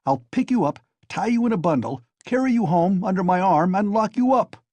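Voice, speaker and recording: A furious young man bellows and scolds his friend, as a male narrator puts him on. The voice sits high and husky, with big lively swings. The sound is dry and close. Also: brisk, no echo. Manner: shouting, scolding.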